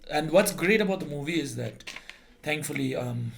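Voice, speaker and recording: A young man with a slightly raised pitch rambles through a story as a podcast co-host. He circles back, restarts his sentences and talks in a loose, chatty way. A faint hiss sits under his voice. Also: lively intonation, normal speed, creaky. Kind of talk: casual chat.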